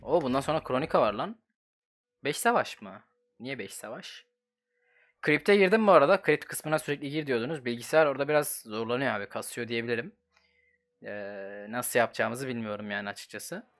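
A young man with a Turkish accent, giving casual, slangy commentary while playing a fighting game at his computer and reacting loudly to each fight. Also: mid-range voice, brisk. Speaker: gaming channel host.

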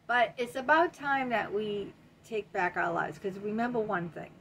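A woman's voice: mid-range voice, animated, moderate pace, a bit bright, a little hiss or hum. A woman in her late fifties giving an emphatic motivational talk to camera at home, repeating key words and peppering her talk with "you know.". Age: 50s. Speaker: self-help video host. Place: home room lined with bookshelves, indoors. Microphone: webcam at desk, close.

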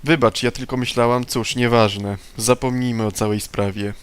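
A man reading the lines of a prim middle-aged woman who leads a temperance union, a little higher and louder than his own voice. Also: fairly even intonation, moderate pace, smooth, natural voice. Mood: indignant. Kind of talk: reading game dialogue aloud.

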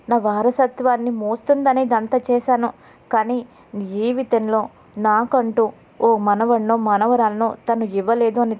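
A woman's voice: on the high side, dull audio, natural voice. Rudrani, a harsh scheming mother-in-law, read by a woman narrator.

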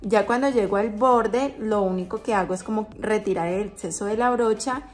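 A woman's voice: mid-range voice, moderate pace, soft background music. A woman vlogger talking through a makeup tutorial, chatty and explaining each step as she goes.

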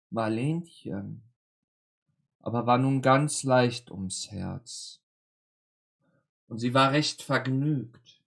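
Man reading a dark fairy tale real slow, mid voice, lots of dramatic pauses. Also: mid-range voice, creaky. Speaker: storyteller.

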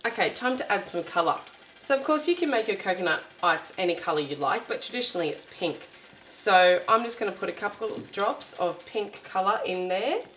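A woman's voice: medium pitch, lively intonation, brisk, a bit bright, reverberant, slight background noise. A woman, hosting a cooking demonstration in her home kitchen and explaining each step in a chatty, instructive way. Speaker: cooking show host.

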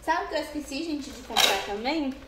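High-pitched, fairly quick and lively in intonation, she's a young Brazilian cooking vlogger casually chatting to viewers in her small home kitchen, often adding "né, gente?". Audio comes from a camera on the counter, partly hand-held over the stove, in an echoey tiled room with faint background noise.

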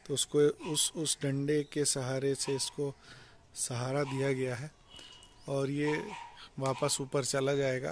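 A young man strolls through his garden holding the camera, talking in a relaxed, explanatory way. His delivery stays fairly flat and even. Faint outdoor ambience sits behind the voice. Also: mid-range voice, slight background noise. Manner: relaxed, explanatory, mixes English words into Hindi. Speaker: vlogger giving a garden tour. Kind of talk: casual walk-and-talk garden tour. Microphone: handheld phone or action camera, point-of-view.

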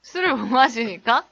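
Bubbly, bright-voiced woman teaching English live. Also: vocal fry, breathy edge. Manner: playful, laughing, acts out little skits in exaggerated high voices. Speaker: English instructor hosting a live stream. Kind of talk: casual live-stream English lesson, reading chat.

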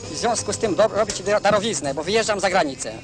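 A man's voice: high-pitched, quick pace, music in the background. A man in a 1970s newsreel recording gives a rambling spoken account as an interviewee, often saying "prawda" and restarting his sentences. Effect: 1970s newsreel sound recording.

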